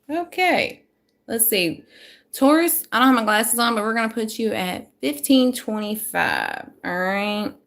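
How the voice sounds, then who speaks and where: A woman, going a bit hoarse, chatting to viewers as she gives a casual live tarot reading into her phone at home. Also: lowish voice, a bit bright. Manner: chatty, self-deprecating, talks to viewers. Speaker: tarot reader.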